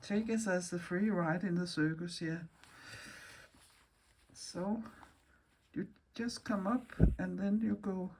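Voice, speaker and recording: A Danish woman, hoarse from losing her voice, chatting through a hands-on stitching tutorial, thinking aloud and correcting herself mid-sentence. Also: on the low side, a little mellow. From Denmark. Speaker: embroidery teacher.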